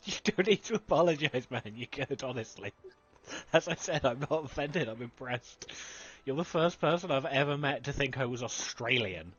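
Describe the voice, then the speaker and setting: A man's voice: mid-range voice, animated, normal speed, fairly bright tone, breathy edge, lo-fi sound. A man with a southern English accent, streaming a game and chatting casually, laid-back and swearing often. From southern England. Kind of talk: casual chat while gaming.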